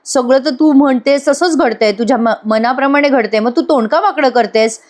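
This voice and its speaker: A woman's voice: high voice, a little fast, a little mellow, pitched above the performer's own voice, natural voice. A woman voicing a stern female police constable who scolds bluntly. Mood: scolding.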